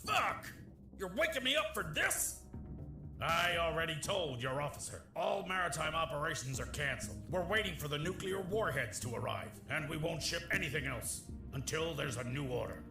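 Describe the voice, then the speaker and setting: An actor playing a gruff, foul-tempered military hangar officer in a video game. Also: male voice, on the high side, fairly quick, hardly any pauses. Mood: irritated. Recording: roomy echo, music behind.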